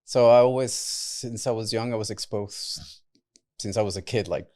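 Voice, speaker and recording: A young man from Mexico and the US, a native Spanish speaker, chats loosely as a podcast guest in a steady, slightly mellow, lowish voice at normal speed. His casual interview talk is full of "like" and "right?"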